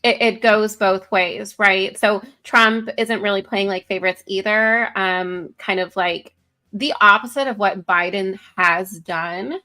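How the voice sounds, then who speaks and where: A woman's voice: mid-range voice, fairly even intonation, measured pace, bright, forceful tone. A woman co-hosting a casual political talk show, reading news articles aloud with many fillers and self-corrections. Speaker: co-host.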